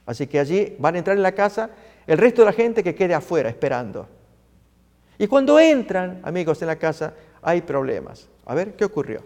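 Brief: a man giving a sermon, animated pitch, reverberant hall. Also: a little fast. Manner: emphatic, repeats phrases, addresses listeners as friends. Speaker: preacher.

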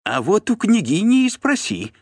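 A man doing a defiant, squealing steward, his voice leaping high and loud as he spits out threats at his captors. He sounds brash and cocky in a dry, close storybook reading. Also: huge pitch swings, normal speed, slightly rough, no room sound, exaggerated voice. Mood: shrill defiant. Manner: shrill, defiant, yelling threats. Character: insolent shrill male steward of a boyar.

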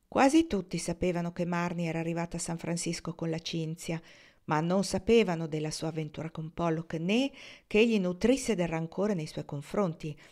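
A woman with a lowish voice narrates a historical novel in a measured, expressive way. She keeps a steady audiobook pace and shapes each scene with calm control. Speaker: audiobook reader. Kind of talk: novel read aloud.

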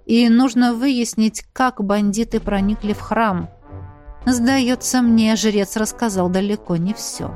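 A woman reading a calm, weary male dragon colonel with a dry, measured manner. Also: a little high, soft background music. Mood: wry.

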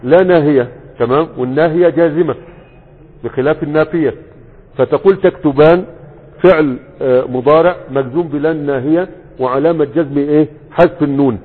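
Egyptian sheikh teaching grammar, echoing hall. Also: male voice, a little high, breathy edge. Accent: Egyptian Arabic. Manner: asks questions and answers them himself, drawls example words slowly. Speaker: sheikh teaching Arabic morphology. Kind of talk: classroom lesson. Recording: phone-like sound with long reverb.

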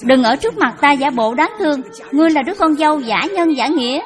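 A woman doing a shrill, scolding old mother-in-law. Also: lively intonation, music in the background. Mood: furious. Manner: shrill, cutting, quick scolding. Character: harsh older widowed mother-in-law, bitter and scolding.

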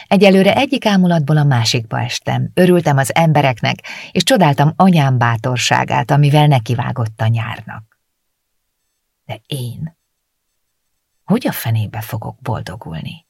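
A woman reading a novel aloud in the first person, with reflective, steady storytelling into a close studio mic. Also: a bass voice, gravelly, husky, no echo. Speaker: audiobook narrator.

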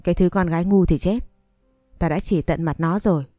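A woman voicing a sharp-tongued, abusive middle-aged mother who hurls insults at her son in a storybook reading. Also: steady tone, a little fast, no echo, clean studio sound, soft background music, lightly acted. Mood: scolding. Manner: shrill scolding insults.

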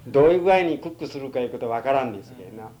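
An elderly man from Japan with a western Japanese Chugoku accent, reminiscing in a halting, plain-spoken way in an oral history interview. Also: mid-range voice, expressive, dark tone, highs cut off. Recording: noisy archival tape with hum.

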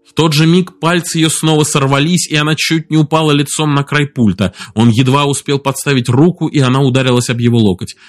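Steady male audiobook narrator. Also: a little high. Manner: steady, measured storytelling.

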